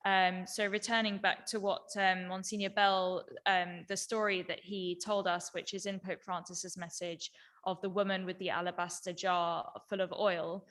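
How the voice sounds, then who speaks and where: A woman moderates a webinar over a video call, speaking gently and often pausing with "um". Her voice sits a little low. The sound is echoey, with a long reverb tail. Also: level tone. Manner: warm thanks, gentle, with many ums. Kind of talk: hosting a webinar.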